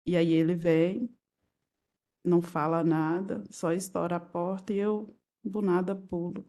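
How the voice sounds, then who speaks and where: A woman with a Brazilian Portuguese accent testifying as a victim in court, retelling events in halting, fragmented phrases. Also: on the low side, fairly even intonation, mellow.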